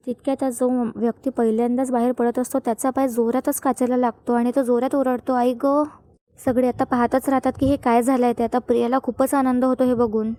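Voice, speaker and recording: High-voiced woman recapping a TV serial. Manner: steady storytelling with frequent "now" links. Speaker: narrator. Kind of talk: TV serial episode recap narration.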